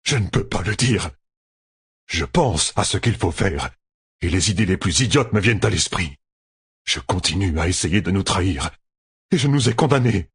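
A man voicing a proud, aging male general who speaks in a heavy, measured, low voice. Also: expressive, breathy edge, no echo, clean studio sound, heavily acted. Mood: despairing.

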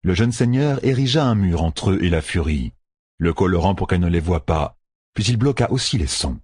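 A man with a husky voice narrating an audiobook with expressive storytelling. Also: low-pitched, normal speed, no room sound. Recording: dry close recording.

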